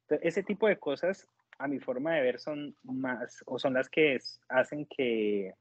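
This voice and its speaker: A man from Colombia, giving a conversational testimonial and pausing to search for his words. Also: mid-range voice, husky, no echo, muffled recording. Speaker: nurse working in the United States, interviewee.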